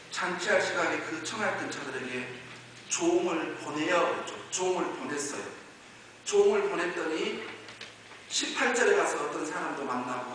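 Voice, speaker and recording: A male pastor preaching a sermon, moving from quiet low explanation to loud high-pitched exhortation. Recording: echoey hall, voice from far off, faint hiss.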